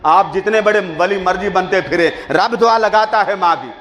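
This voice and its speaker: High-voiced preacher man. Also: a bit bright. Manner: storytelling, speaks to a seated crowd. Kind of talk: sermon. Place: large hall with a seated audience. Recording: long reverb of a large hall.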